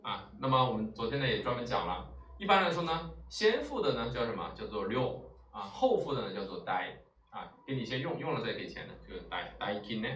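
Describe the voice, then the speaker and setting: A man teaching Japanese vocabulary, explaining each word and asking rhetorical questions, with many drawn-out "ah" fillers. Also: mid-range voice, sing-song, a bit bright, highs cut off, a little hiss or hum. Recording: roomy echo, mic at a distance, faint ambience.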